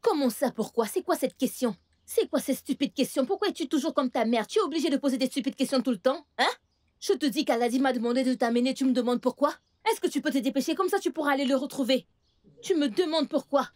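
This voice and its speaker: A woman's voice: on the high side, expressive, normal speed, mellow. A woman dubbing a bossy aunt who takes in her niece, impatient and scolding. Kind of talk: French dub of a film.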